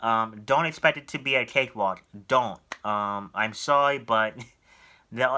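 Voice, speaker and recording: A young man talks straight to his viewers in a relaxed vlog. His voice is bright and forward, and he rambles earnestly through his advice, stopping often for ums and self-corrections. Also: medium pitch. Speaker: YouTuber giving collector advice. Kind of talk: casual talking-head vlog.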